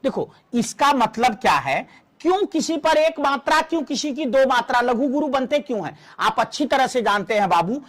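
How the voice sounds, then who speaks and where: A man teaching a Hindi exam-prep class, explaining verse meter slowly and counting syllables aloud for his students. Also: extremely high pitch, lively intonation, fairly bright tone.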